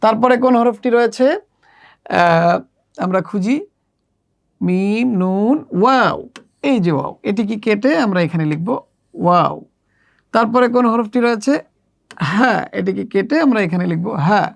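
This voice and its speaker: A woman walks children through a workbook lesson. She is patient and repetitive, and she stretches the letter names out slowly. Her voice sits at an ordinary middle pitch. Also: vocal fry. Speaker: Arabic teacher for children.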